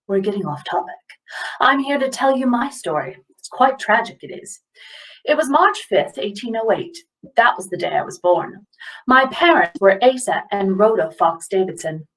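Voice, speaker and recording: A woman's voice: mid-range voice, natural voice. Actress as a scatterbrained 19th-century mother's ghost, rambling, mic a bit far off. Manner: rambling, scatterbrained, loses her train of thought. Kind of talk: first-person historical monologue.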